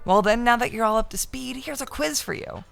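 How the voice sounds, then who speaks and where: A woman streamer chatting casually on a live stream, excitable and swearing freely as she reads game text aloud. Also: on the high side, brisk, gravelly, faint music behind.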